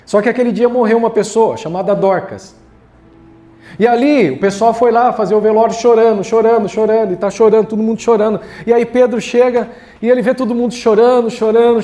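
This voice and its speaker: A man's voice: very high voice, warm tone. A man preaching a sermon as pastor, casual and joking, talking straight to the congregation. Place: church hall.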